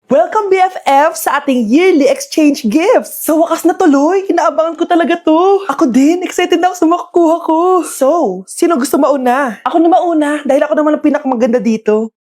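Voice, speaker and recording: A woman performing in a comedy skit with a high-pitched voice. She scolds and fires off quick comebacks. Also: a little mellow.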